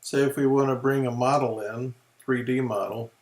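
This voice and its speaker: Male tutorial presenter, mid pitch, relaxed folksy walkthrough of software features. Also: normal speed. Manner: relaxed, folksy explaining with fillers. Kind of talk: screen-recorded software walkthrough.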